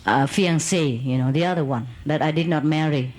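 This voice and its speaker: A woman's voice: deep voice, moderate pace, darkish tone, low-quality recording. A woman telling a long personal story in casual, non-native English, rambling and laughing as she goes.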